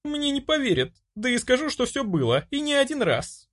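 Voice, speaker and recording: Man putting on a high bossy young woman. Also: very animated, moderate pace, a bit bright, heavily acted. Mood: haughty. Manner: bossy, self-assured. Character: brash young woman, priest's daughter.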